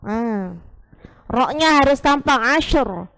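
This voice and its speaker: A woman teaching Quran recitation, drawing out each word and repeating it so her class can follow. Her voice sits high and her pace is slow and deliberate. She corrects and encourages with steady patience. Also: poor audio. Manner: patient, demonstrates sounds slowly and repeats them many times. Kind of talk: live class instruction with group repetition.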